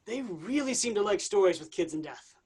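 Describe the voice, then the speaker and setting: An actor playing a laid-back, vain Jesus who talks like a slangy bro in a staged comedy reading. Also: male voice, high voice, lively intonation, brisk, darkish tone, husky. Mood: boastful, casual. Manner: casual slangy dude speech. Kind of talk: staged reading of a comic play.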